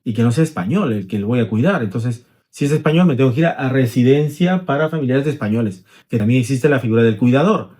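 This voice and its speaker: A man's voice: medium pitch, fast talker, few pauses, mellow. Middle-aged lawyer guy, talks it through w examples, keeps asking ok?. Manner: explains with hypothetical examples and frequent tag questions. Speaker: immigration lawyer. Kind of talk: explanatory conversation.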